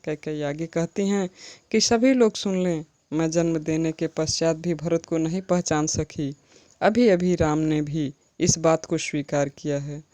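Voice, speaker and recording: Woman teacher, slow and measured, recites verse then explains it; lowish voice. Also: fairly even intonation, warm tone. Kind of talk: Hindi poetry lesson explanation.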